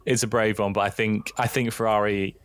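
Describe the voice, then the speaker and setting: A young man co-hosting a podcast in casual chat, excitable and animated in banter. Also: lowish voice, brisk, a little hiss or hum. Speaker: podcast co-host.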